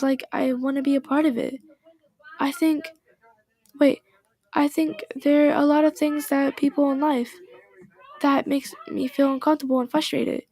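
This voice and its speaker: A woman's voice: high-pitched, dry recording. Yuri: a woman doing a shy, hesitant bookish girl. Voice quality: soft, hesitant, apologetic. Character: shy, bookish teenage girl, anxious and quiet. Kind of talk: reading game dialogue aloud.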